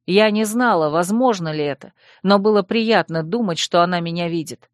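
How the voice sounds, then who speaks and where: A woman's voice: on the low side, normal speed, no room sound. Woman narrating a romantic fantasy audiobook. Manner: expressive, emotive dialogue. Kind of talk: first-person audiobook narration. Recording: dry close studio read.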